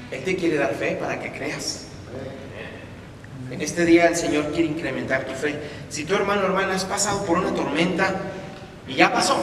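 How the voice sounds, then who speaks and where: A man preaching a sermon with emphatic repetition, swinging between loud and soft, in a church hall. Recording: echoey hall from far off, faint rumble.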